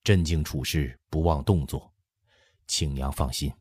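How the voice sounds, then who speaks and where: Brief: dutiful emperor addressing his mother, read by a male narrator, low and measured. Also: a little mellow, husky, dry recording, studio quality, exaggerated voice. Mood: deferential. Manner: deferential, explaining. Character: middle-aged emperor, dutiful, respectful son.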